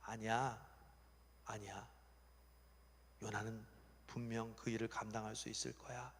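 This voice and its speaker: A man voicing God as a doting, overjoyed heavenly father who coaxes gently, in a reverberant church hall. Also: a little high, moderate pace, creaky, a little hiss or hum. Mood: gentle, coaxing. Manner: exclaiming proudly, then coaxing gently.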